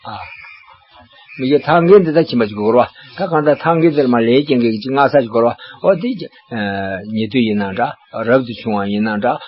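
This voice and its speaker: An older man giving a religious teaching, explaining at length and checking in with rhetorical questions. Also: mid-range voice. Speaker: monastic teacher. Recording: dull lo-fi recording with faint background hiss.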